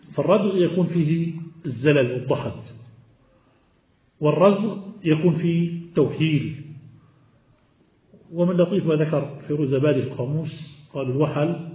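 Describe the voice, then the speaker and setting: A man's voice: on the high side, dark tone. A man teaching a classical text lesson, explaining each point step by step and putting questions to his students before answering them. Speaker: hadith teacher. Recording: echoey, dull lo-fi room recording.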